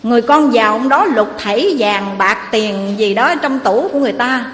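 Woman preacher, lively storyteller, fairly high voice, echoey hall. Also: normal speed. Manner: lively storyteller, addresses the audience often. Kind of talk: moral storytelling sermon. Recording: echoey hall, faint noise.

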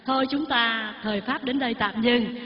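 A woman's voice: fairly high pitch, moderate pace. An older woman, a Buddhist nun giving a Dharma talk and leading her congregation in recitation. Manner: leads the congregation in call-and-response recitation. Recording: echoey hall, dull lo-fi sound, faint music.

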